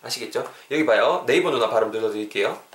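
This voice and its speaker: A man hosting a casual podcast English lesson, chatty and animated, with joking asides between explanations. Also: medium pitch, fast talker, echoey room, recorded from a distance. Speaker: English teacher, podcast host.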